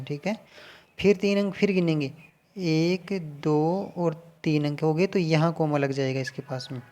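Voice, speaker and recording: Patient male teacher with a mellow voice. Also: fairly high pitch. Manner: patient, repeats and counts digits aloud slowly. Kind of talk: casual classroom explanation at a board.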